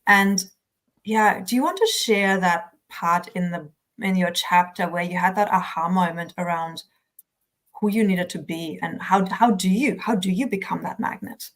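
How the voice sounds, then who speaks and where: A woman host with a fairly low voice leads a casual interview. She poses long, reflective questions, rephrasing as she goes. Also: normal speed. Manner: thoughtful, rambling, self-correcting questions. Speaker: podcast host.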